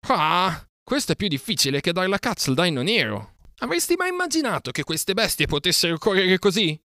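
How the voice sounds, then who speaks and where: A man's voice: on the low side, expressive, a little fast, no echo, studio quality. A man voicing a bold boy raised by wolves, giving urgent orders in an audiobook reading. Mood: urgent excited. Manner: urgent shouted commands.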